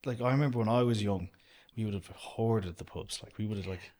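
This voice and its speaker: An Irish man in his young adult years chats easily as a guest, his voice sitting a little low. He rambles comfortably, leaning on "do you know" as he talks about being outdoors. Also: brisk, darkish tone. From Ireland. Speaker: guest, outdoor business owner. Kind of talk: casual interview chat.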